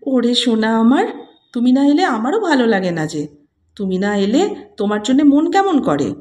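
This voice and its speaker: A woman voicing an affectionate young woman who speaks in a tender, coaxing way, sometimes sharp. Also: a little high, big pitch swings, moderate pace. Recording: roomy echo.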